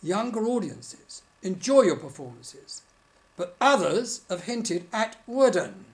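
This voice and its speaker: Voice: mid-range voice, very animated, takes it slowly. An interviewer speaking formally and politely, keeping a straight face through a scripted comic studio interview.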